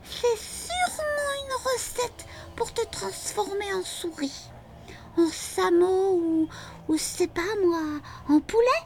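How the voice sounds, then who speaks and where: A woman voicing an excitable little girl in a storybook, talking in breathless, tearful exclamations. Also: extremely high pitch, takes it slowly, slight background noise, voice pushed up, heavily acted. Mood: alarmed. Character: little girl neighbor, excitable, believing friend.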